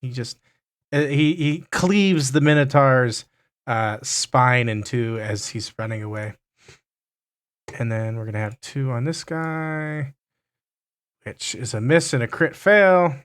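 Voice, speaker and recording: A man narrating as game master, unhurried and often stumbling over his words. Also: mid-range voice, smooth.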